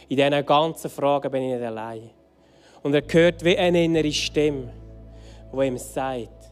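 Man preaching with hushed swings, soft music. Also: mid-range voice. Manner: swings between emphatic loud phrases and hushed soft ones. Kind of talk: sermon storytelling leading into a song.

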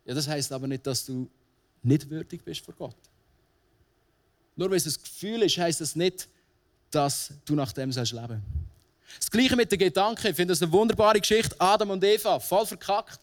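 A man's voice: a little high, expressive, normal speed, pauses often. A man with a Swiss German accent preaching a sermon in a casual, conversational way, often asking the listener questions. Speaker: pastor.

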